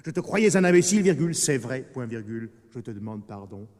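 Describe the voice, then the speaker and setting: A bantering, amused young man who writes letters for others, teasing every customer. in a 1960s radio operetta, his slightly high voice ringing with long reverb from the studio. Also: very animated, a little fast. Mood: mocking. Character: charming young male public letter-writer, playful.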